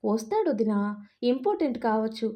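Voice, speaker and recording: A woman's voice: on the high side, big pitch swings, a little fast, dark tone. A woman voicing a playful young bride-to-be who speaks in a teasing, coaxing way in a Telugu audio story.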